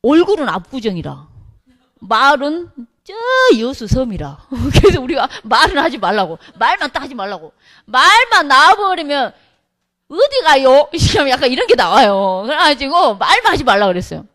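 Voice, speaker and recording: A middle-aged woman, a pastor's wife, telling a humorous church testimony with lively storytelling, acting out what others said. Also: high-pitched, normal speed. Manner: lively storytelling, acts out quotes, laughs often.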